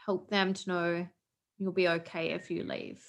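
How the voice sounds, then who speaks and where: A woman's voice: fairly low pitch, level tone, measured pace. A woman co-hosting a podcast, speaking earnestly and supportively, giving advice. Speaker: podcast co-host. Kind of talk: casual chat.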